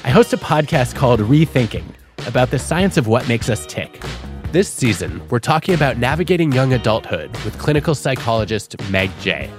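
A man hosting a podcast, reading a friendly, lively promo. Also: medium pitch, brisk. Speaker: podcast host. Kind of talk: scripted promo read. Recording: faint music bed.

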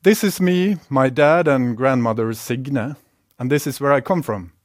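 A man from Norway with a Norwegian accent, giving a calm, reflective prepared talk with measured pauses. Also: medium pitch, no echo, clean studio sound.

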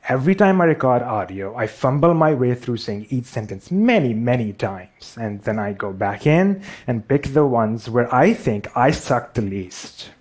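A man's voice: mid-range voice, big pitch swings, moderate pace, few pauses, darkish tone, slightly rough. A man with a Pakistani accent giving a storytelling talk on stage, wry and self-deprecating.

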